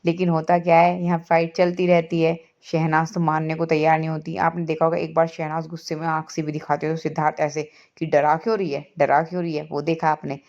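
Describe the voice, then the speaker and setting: A woman's voice: deep voice, monotone, a little fast, hardly any pauses, darkish tone, highs cut off. A woman hosting a celebrity gossip video, chatting eagerly and speaking straight to her viewers as "guys". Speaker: entertainment news video host.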